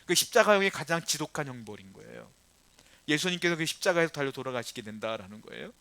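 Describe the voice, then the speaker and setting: A man's voice: a little high, animated, quick pace, creaky, sharp tone, dry recording. A man preaching a sermon as a church pastor, talking to the congregation in a conversational way with rising, emphatic stresses.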